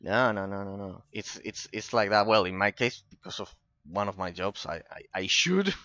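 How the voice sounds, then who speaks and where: A man's voice: lowish voice, normal speed, pushed and bright, no echo, muffled recording. Chatty Argentine man streaming a game. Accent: Argentine Spanish. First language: Spanish. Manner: chatty, repeats himself, laughs often. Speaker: gaming streamer. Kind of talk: casual chat over gameplay.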